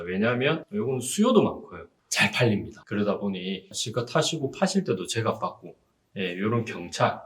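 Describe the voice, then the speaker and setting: A man in his forties speaking as a used car dealer in an interview, giving assured, explanatory advice like a salesman. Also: fairly low pitch. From Busan, South Korea. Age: 40s. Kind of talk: informal on-camera interview giving buying advice.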